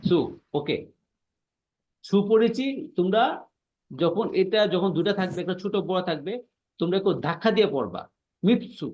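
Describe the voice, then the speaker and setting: Male language teacher, fairly high voice, patient and repetitive, checks understanding often; muffled online-class audio. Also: animated, normal speed, long pauses, a little mellow. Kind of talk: online class explaining pronunciation.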